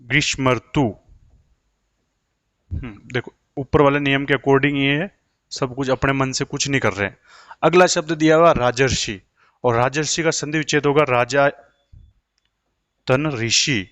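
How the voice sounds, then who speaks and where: A man's voice: mid-range voice, unhurried, long pauses, fairly bright tone, no echo. A man teaching an exam-prep grammar lesson, asking questions and answering them himself.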